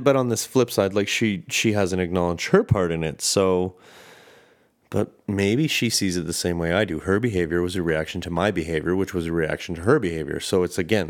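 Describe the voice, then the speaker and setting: Candid, deep-voiced man podcasting solo. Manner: candid, rambling, swears often. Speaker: podcast host. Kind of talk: casual solo podcast monologue.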